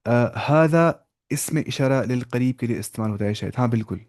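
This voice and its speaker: A man teaching an online Arabic lesson, saying each word slowly and repeating it with patient explanations. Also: medium pitch, a little mellow.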